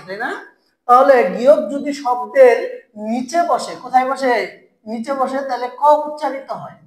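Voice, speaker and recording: A woman teaching a language lesson in a classroom style, asking her listeners questions and then answering them herself. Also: sits high. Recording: echoey room.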